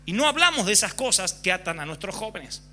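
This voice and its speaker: A man's voice: sits high, very animated, fairly quick, sharp tone, a little hiss or hum. A man preaching a sermon frankly and with passion, often acting out examples. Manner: impassioned, frank, acts out examples.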